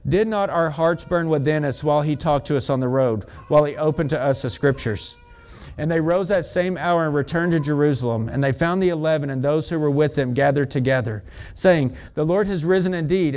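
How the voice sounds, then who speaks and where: Man, pastor, eager fast sermon, slightly high voice, church. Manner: excited, fast-talking preaching with asides to the congregation.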